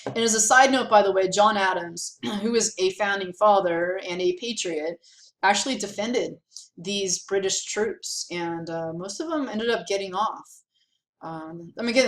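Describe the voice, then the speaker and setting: A woman's voice: mid-range voice, reverberant. A woman teaching a history lesson in a chatty, casual way, with lots of fillers and asides. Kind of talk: casual classroom lecture.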